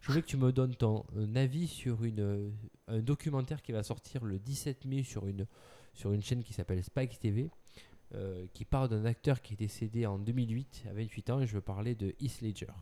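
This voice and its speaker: A man with a very dark, mellow voice chats casually about film news. He is playful and teasing, often laughing as he quizzes his co-host. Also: lowish voice, a little fast.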